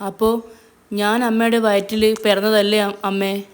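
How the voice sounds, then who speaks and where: A woman's voice: mid-range voice, level tone, a little slow, smooth, close to an everyday voice. A woman putting on a pleading young daughter. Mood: tearful. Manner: pleading, emotional.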